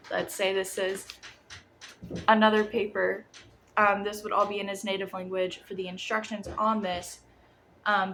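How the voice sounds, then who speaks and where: A woman's voice: mid-range voice, fairly bright tone. A young adult woman presenting a lesson plan informally and hesitantly, her speech slightly muffled by a sore jaw after dental surgery. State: sore jaw after wisdom tooth removal. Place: apartment room. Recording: clear background room noise.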